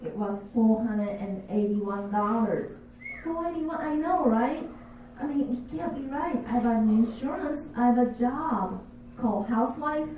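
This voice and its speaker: A woman in her fifties, not a native English speaker, doing a stand-up comedy set with slow, deadpan, self-mocking delivery. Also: on the high side, slight background noise. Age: 50s. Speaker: stand-up comic. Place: comedy bar stage. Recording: echoey bar room, distant dull mic.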